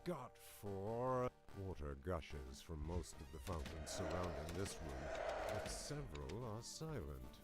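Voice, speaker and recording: A sinister dungeon master for a fantasy video game. The voice is low and unhurried, telling of dark places with measured menace. Prominent music plays behind the narration. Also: male voice, big pitch swings. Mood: ominous, measured. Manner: ominous, measured storytelling. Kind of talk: atmospheric scripted game narration.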